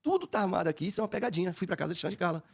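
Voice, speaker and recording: An older Brazilian man tells his story at a rapid clip, his voice slightly high with a gravelly rasp. He gives an animated personal testimony as a podcast guest, slipping into the voices of the people he quotes.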